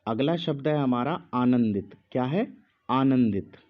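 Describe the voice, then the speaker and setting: Male teacher, slow measured dictation, muffled lo-fi sound. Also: medium pitch, expressive. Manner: speaks slowly with pauses, repeats each word. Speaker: Hindi teacher.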